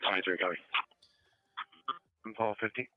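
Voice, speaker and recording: A man's voice: fairly low pitch, fairly even intonation, normal speed, no echo. A man speaking as a police officer over a scanner radio, giving clipped call-and-response codes. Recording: muffled, distant scanner radio audio.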